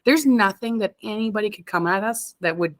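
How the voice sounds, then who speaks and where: A Canadian woman in her thirties, a stone fabricator, chats casually as an interview guest, rambling and laughing often. Her medium-pitched voice runs a little fast, and there's no room sound.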